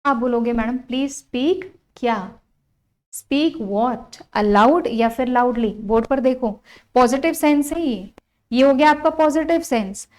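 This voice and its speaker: Indian English teacher, woman, fairly high voice, classroom lecture style, poses questions and answers them herself. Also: normal speed. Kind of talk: classroom grammar lesson. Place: classroom with a board.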